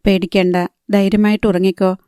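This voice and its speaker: An attentive young man soothes and reassures his travel companion, as a woman narrator reads him in an audiobook. The voice is mellow and smooth, with an even tone. The sound is dry and close. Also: mid-range voice, brisk, no room sound, close to an everyday voice. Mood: reassuring.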